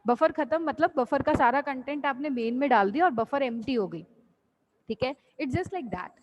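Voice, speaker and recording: A woman lecturer teaching an online class, patiently repeating each point in simple terms and addressing students fondly. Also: fairly high pitch. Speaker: college lecturer. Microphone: computer mic on video call. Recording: dull lo-fi online call audio.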